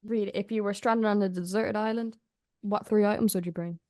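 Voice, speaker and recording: A young woman interviewing a guest in a casual chat, soft-spoken and filling her talk with "like". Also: medium pitch, steady tone, a little fast, no room sound, studio quality. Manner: soft-spoken, heavy use of "like".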